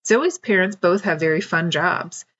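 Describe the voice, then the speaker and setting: Woman narrating a kids' storybook, steady, clear, slightly muffled lo-fi recording. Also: on the low side, a little slow. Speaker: author reading her book. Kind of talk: storybook read-aloud narration.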